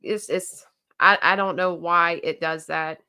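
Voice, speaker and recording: Co-hosting a knife company's casual livestream, a Southern-accented woman chats about viewer comments, full of fillers and restarts. Her voice sits on the low side, steady and measured, with a bright, forceful, clear and resonant tone.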